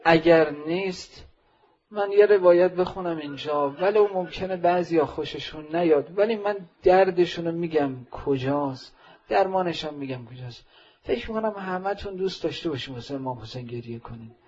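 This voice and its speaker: A fairly high, husky male preacher tells a sacred story at a mourning gathering. His delivery swings between hushed narration and loud, impassioned outbursts. The recording sounds dull and lo-fi. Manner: swells from quiet narration to loud impassioned calls. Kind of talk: emotional religious storytelling sermon.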